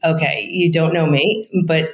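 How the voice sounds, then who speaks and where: In an echoey room, a middle-aged woman with a low voice and fairly even intonation speaks at a measured pace. A Brooklyn real estate agent whose first language is Italian, she has a strong Brooklyn accent and chats frankly in a casual interview with plenty of fillers and asides.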